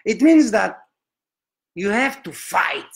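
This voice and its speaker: A man's voice: high voice, expressive, slow pace, vocal fry, exaggerated voice. A man playing a pompous male prophet who preaches in broken English with a Nigerian accent. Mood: preaching. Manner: broken English, declaiming sermon. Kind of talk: comic sermon.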